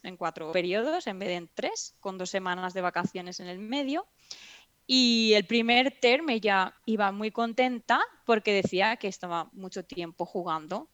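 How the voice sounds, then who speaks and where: A woman from Spain, chatting as an interview guest and telling animated stories. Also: mid-range voice, no echo. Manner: chatty, animated storytelling with restarts. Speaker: interview guest, mother and teacher. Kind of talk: casual interview chat.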